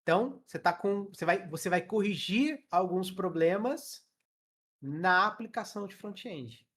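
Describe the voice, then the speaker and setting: Teaching English live over a webcam, a young Brazilian man demonstrates sounds out loud and keeps asking how his students are doing. He speaks with a Brazilian Portuguese accent in a high, expressive voice at normal speed.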